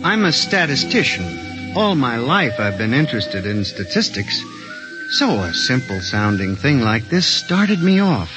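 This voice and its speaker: In a muffled, lo-fi old radio recording with music, a man voices a timid, middle-aged statistics clerk in a 1950s radio drama with a vintage broadcast sound. He is both narrator and lead, playing the clerk as hesitant and earnest. His mid-range voice is sing-song and a little slow.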